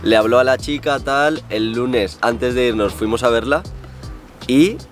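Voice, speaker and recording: A man, chatting to camera as a travel vlogger at an outdoor campsite, relaxed and enthusiastic. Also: medium pitch, a little slow, faint music behind. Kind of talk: casual chat to camera. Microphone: on-camera mic, handheld or tripod framing.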